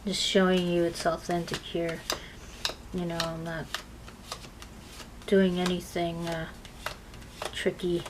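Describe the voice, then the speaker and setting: A woman's voice: fairly low pitch, flat delivery, takes it slowly, long pauses. A woman giving a tarot reading, chatting casually with many fillers while she shuffles cards. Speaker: tarot reader. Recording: clear noise of card shuffling.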